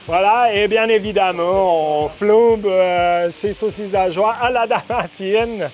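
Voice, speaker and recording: A man's voice: high-pitched, slow. A man hosts an on-location food show. He presents in an effusive, enthusiastic manner, with music playing behind him. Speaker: host presenting regional food producers.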